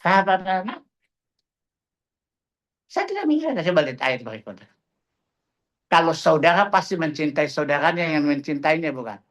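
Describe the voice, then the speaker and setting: A middle-aged man leads a religious study class with a fairly high-pitched voice. He preaches in a fiery, combative way, mocking opponents and hammering his listeners with rhetorical questions. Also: very animated, moderate pace, pauses often, fairly bright tone.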